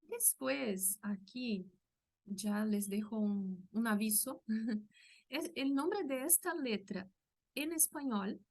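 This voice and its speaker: A woman's voice: on the high side, takes it slowly, darkish tone. A woman from Brazil with a Brazilian Portuguese accent, a native Portuguese speaker, patiently explaining sounds in a language lesson and modelling each one aloud. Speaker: language teacher.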